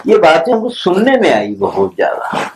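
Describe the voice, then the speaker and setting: Guy lecturing, high voice that swings all over, rambling story-telling, hiss on an old tape. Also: wildly swooping pitch. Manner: unhurried, discursive storytelling. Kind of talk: informal lecture retelling scripture stories. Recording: noisy archival recording.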